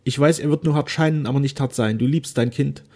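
A gentle young woman from an old novel, loving and close to tears, as a male reader puts her on. She pleads earnestly in a voice pitched high over a dark, husky base. The reading stays measured and old-fashioned. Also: close to an everyday voice. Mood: tearful devotion. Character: tearful devoted young woman, gentle daughter.

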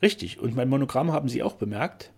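Man voicing an older duke, proud, cheerful, effusive, gravelly, husky. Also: mid-range voice, animated, fast talker. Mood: joyful.

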